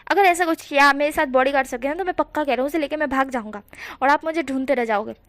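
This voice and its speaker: A woman's voice: high voice, a little fast, no room sound, close to an everyday voice. Woman putting on a whiny stubborn young man. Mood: defiant. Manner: whiny, protesting. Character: young man, playful, stubborn, easily upset. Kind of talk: storybook reading.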